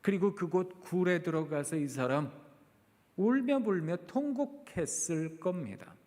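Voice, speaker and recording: Guy preaching in a big echoey church, high animated voice, tells it like a story. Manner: dramatic storytelling, slows for emphasis. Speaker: guest preacher, professor. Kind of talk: sermon. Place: church sanctuary.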